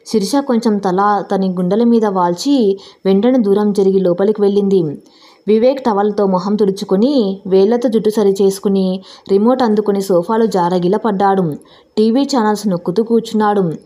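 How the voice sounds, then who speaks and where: A woman's voice: mid-range voice, steady tone, normal speed, mellow. A woman reading a story aloud as narrator, voicing the dialogue in her own voice. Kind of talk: scripted narration of an audio story.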